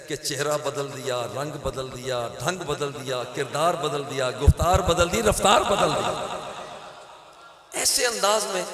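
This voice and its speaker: A male preacher with a Pakistani Urdu accent delivering an impassioned sermon, building rhythmic repeated phrases to loud peaks. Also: a little high. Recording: echoey hall with long reverb.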